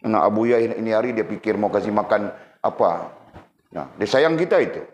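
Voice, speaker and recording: A man giving a lively religious lesson, often putting questions to his listeners. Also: fairly low pitch, brisk. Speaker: religious teacher. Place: religious boarding school community. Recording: echoey room with faint noise.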